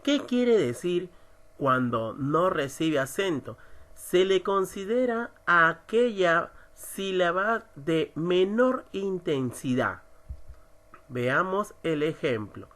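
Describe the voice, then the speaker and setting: Slow, emphatic man teaching a lesson. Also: high voice, lively intonation, fairly bright tone. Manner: slow, emphatic, stresses syllables. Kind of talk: recorded online lesson.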